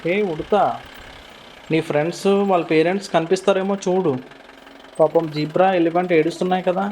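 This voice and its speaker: A man's voice: high voice, little pitch movement, brisk, noisy background, natural voice. A man voicing a kindly adult jeep driver who patiently gives in to a squirrel's requests in a cartoon. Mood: calm. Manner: patient, reassuring. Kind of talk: cartoon voice acting.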